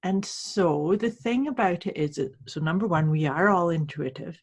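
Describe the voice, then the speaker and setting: Polite woman from canada, kinda husky, explaining stuff on a podcast like a coach, measured and chatty. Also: lowish voice. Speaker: podcast host, intuition coach. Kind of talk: conversational teaching.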